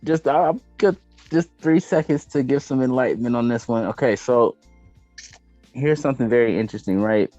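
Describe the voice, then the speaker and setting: This mid-range, darkish male voice moves at a moderate pace as an American podcast host riffs on entertainment, opinionated, emphatic, full of slang and profanity. Faint music sits behind dull, roomy lo-fi audio.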